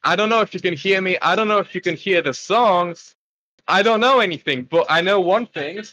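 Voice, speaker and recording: He's a young adult British tech tester doing a casual product demonstration with dry joking asides from his computer desk in a small carpeted bedroom. His voice is high-pitched, pushed and bright, at a moderate pace, with highs cut off and slight background noise. Recording gear varies between a desktop microphone, laptop mic, or phone.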